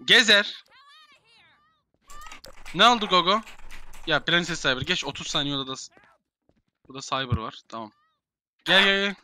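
A man's voice: on the high side, animated, moderate pace, long pauses, sharp tone, slight background noise. A young man in casual game voice chat, bossily herding players into rooms and swearing. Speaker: gamer streamer.

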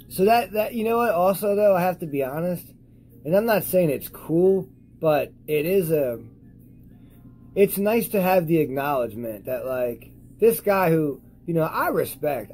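A high young man rambling profanely and losing his train of thought in a casual vlog. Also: lively intonation, a little slow, darkish tone, faint music behind, low-quality recording. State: high on cannabis. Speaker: cannabis vlogger. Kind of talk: casual stoned rambling to camera.

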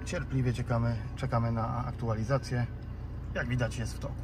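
Speaking fairly quickly in a level, medium-pitched voice, a man with a Polish accent guides viewers through a car repair step by step. He runs a DIY car tutorial channel and sounds casual, slightly unsure at times. The recording, made inside a car, has clear car ambience behind him.

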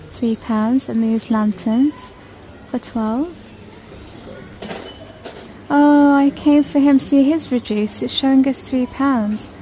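A woman from the United Kingdom narrates a casual shop-with-me vlog, browsing a large store aisle and reading out prices. Her voice is a little high with a dark tone. Filmed on a handheld phone camera, the recording is low-quality with slight background noise.

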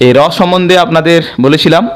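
A man teaches Quran reading in an online lesson, drawing out each Arabic letter in slow drills. His voice sits a little high and sounds smooth and resonant. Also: fairly even intonation.

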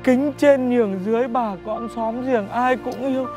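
An actor playing a tactless, nosy village neighbor who laments dramatically and explains things like a know-it-all. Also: male voice, very high voice, fairly even intonation, normal speed, music in the background. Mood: chatty.

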